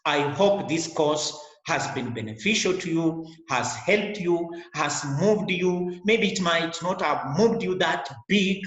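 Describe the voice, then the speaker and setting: Speaking slowly with hardly any pauses, a middle-aged man delivers an earnest online lecture to his webcam, repeating his words. His high-leaning voice is fairly bright and carries a Kenyan English accent, his first language being a Kenyan one. The small indoor room makes it echoey.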